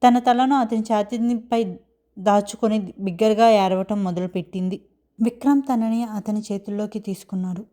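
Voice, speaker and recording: A woman reading a romance story aloud in a soft, gentle narrating voice. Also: medium pitch, fairly even intonation, normal speed.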